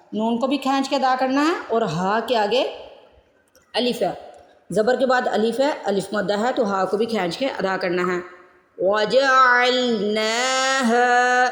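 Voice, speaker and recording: A woman teaching Quran recitation, chanting words slowly and drawn out between quick explanations. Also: fairly high pitch. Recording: echoey room with long reverb.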